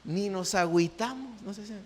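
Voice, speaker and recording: A man's voice: high-pitched, normal speed. A male pastor with a Mexican accent, preaching a sermon in a conversational way, telling stories and having the congregation respond. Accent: Mexican Spanish.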